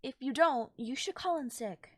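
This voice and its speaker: In an intimate ASMR roleplay, a woman voice actor portrays an affectionate girlfriend soothing a tired partner, her tone tender, coaxing and concerned, with breathy near-whispers at times. She speaks high and lively at a moderate pace, recorded on a close mic in a dry space with no echo.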